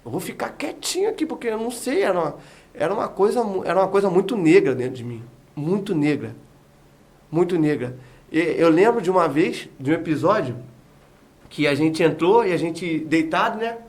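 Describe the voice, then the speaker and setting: Brief: high-pitched male evangelist, podcast guest, dramatic storyteller acting out quotes. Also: lively intonation, brisk, a little mellow. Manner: vivid storytelling that acts out remembered dialogue. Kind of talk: testimony in a podcast interview.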